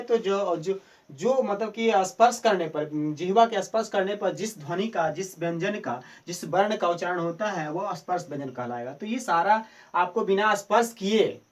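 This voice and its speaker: A man's voice: high-pitched, recorded from a distance. A male teacher giving a Hindi grammar lesson, asking questions and answering them himself, repeating key answers. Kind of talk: Hindi grammar lesson for board exam students.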